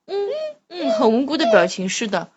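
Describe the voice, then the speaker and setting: A woman's voice: a little high, sing-song, brisk, lo-fi sound, a crowd in the background. A woman reading a picture book with a child, prompting with playful, encouraging questions.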